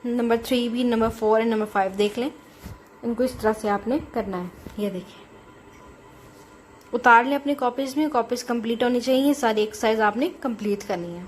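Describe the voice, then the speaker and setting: A woman teacher explaining grammar exercises in Hindi-Urdu and reading sentences aloud slowly and clearly. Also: on the high side, slight background noise. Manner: mixes Hindi-Urdu explanation with slow English dictation. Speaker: English teacher. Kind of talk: classroom lesson walkthrough.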